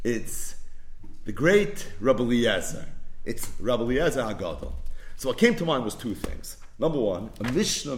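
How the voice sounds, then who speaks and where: Animated male Talmud teacher, roomy echo. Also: medium pitch, a little hiss or hum. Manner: animated storytelling, often laughing. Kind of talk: daily Talmud lesson.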